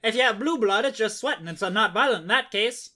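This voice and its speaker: Quick gag: man doing a high, preachy old-timey codger lecturing on sarcastically. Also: expressive, sharp tone. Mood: scolding. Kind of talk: casual chat.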